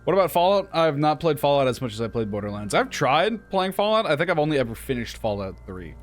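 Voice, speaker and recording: A man's voice: fairly high pitch, sing-song, fast, faint music behind. A man streaming a video game, chatting casually and reading dialogue with playful, wry asides. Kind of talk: casual gameplay commentary.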